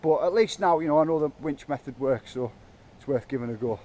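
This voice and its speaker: A man's voice: a little high, a little fast, dark tone, dull audio. A man vlogging as he works on a bike park trail in the woods, chatting casually with lots of hesitations and filming himself on a handheld camera. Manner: chatty, hesitant, self-talk while working. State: out of breath. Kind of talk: casual vlog narration. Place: outdoors in woods.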